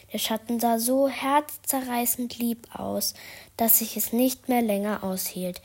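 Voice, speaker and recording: Woman, children's story narrator, slow, soft, half-whispered, breathy. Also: fairly high pitch. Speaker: podcast storyteller.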